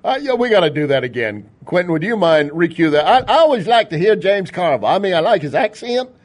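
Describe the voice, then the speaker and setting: An American talk radio host from Texas runs a political show in a folksy, conversational style, full of joking asides and rhetorical questions. His voice is high with big pitch swings, and he talks fast.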